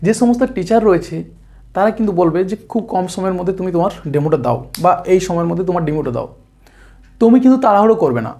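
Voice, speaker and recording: A woman's voice: on the low side, animated, rapid-fire, warm tone. Hesitant West Bengali woman giving interview tips. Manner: hesitant, frequent "uh" fillers and restarts; mixes English terms into speech. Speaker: interview coach. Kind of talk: spoken tips lesson to camera.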